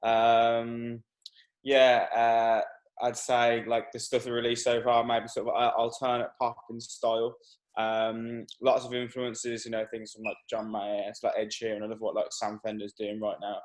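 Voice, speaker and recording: A man's voice: medium pitch, completely flat delivery, measured pace. Guest in his twenties from Birmingham, loose rambling talk full of fillers; mid-range male voice. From Birmingham, England. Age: 20s. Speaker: guest singer-songwriter. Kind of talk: casual radio interview.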